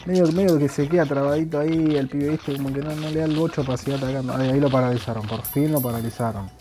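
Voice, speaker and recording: A man's voice: mid-range voice, fairly even intonation, fast, mellow, soft background music. A young man with an Argentine accent giving joking, slangy commentary while playing a video game. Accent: Argentine Spanish. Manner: joking, crude slang banter. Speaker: gaming YouTuber. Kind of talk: gameplay commentary.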